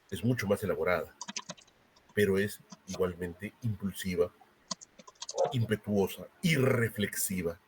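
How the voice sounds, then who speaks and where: A man's voice: sits low, a bit bright, slight background noise. A man giving a university lecture, explaining step by step and often checking in with a tag question.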